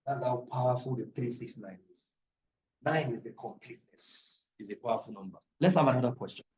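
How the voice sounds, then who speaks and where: Man, esoteric teacher, live online class, emphatic, repeats his points, mid-pitched voice. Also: fairly quick, a little mellow, poor audio. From Africa. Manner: emphatic, repeats key phrases, preacher-like.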